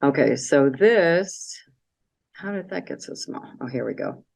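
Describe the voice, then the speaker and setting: A woman with a notably low voice talks casually through her travel slides. She rambles a little and fills pauses with "um" and "so" as she clicks along. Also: lively intonation, gravelly, darkish tone. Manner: chatty, meandering, with many fillers. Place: library meeting room.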